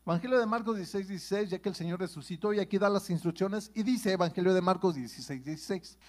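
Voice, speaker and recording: High-voiced man preaching. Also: fast, a little mellow. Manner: conversational preaching with frequent "¿sí?" checks to the congregation. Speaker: pastor. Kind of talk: sermon.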